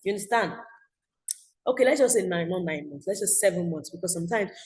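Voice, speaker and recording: A woman's voice: lowish voice, lively intonation, fast talker, a little mellow, poor audio. Chatty Nigerian woman teaching a class. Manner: chatty, asks "you understand?" often. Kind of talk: online class lecture.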